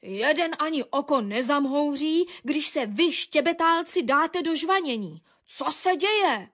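A woman voicing a stern, gruff old male dog who questions the birds. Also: sits high, lively intonation, a bit bright, voice pushed up.

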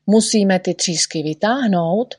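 A woman's voice: medium pitch, darkish tone, husky, no echo, clean studio sound, close to an everyday voice. A woman voicing a fussy, patient little male doctor who soothes and chides his patient. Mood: soothing. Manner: soothing, chiding.

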